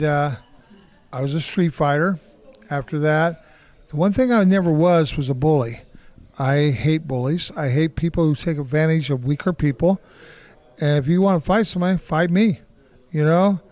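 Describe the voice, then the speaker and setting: A man in his sixties from Kansas City talks through his past in a blunt, rambling way, often stopping to restart a sentence. His voice sits a little high for a man. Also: darkish tone. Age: 60s. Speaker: interview guest, martial artist. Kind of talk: casual storytelling interview.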